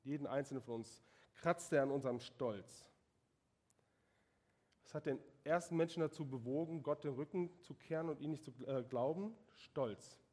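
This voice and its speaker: A man's voice: fairly high pitch, moderate pace, a little mellow. A man preaching a sermon, emphatic and asking the congregation direct questions.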